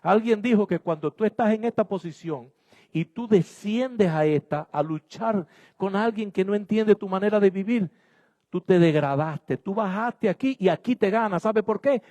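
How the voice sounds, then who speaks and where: A man's voice: high voice, normal speed, dark tone. A man preaching a sermon as pastor, exhorting his congregation emphatically in a church. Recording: long hall reverb.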